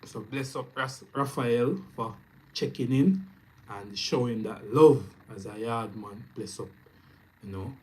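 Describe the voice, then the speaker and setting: A Jamaican man talking casually to his camera, his voice at an ordinary middle pitch. He chats loosely and upbeat, piling on greetings and shout-outs. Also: measured pace, rough recording. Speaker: YouTube trading streamer. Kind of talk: casual live stream chat. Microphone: camera mic, speaking to camera.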